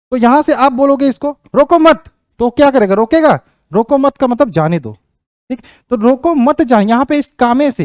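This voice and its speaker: A high-pitched man teaching a grammar lesson for an entrance exam. He repeats each rule several times and keeps asking the class whether it is clear. The sound is dry and close, with almost no room echo. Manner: repeats key phrases, asks the class "clear?"; rises in pitch and loudness when explaining examples.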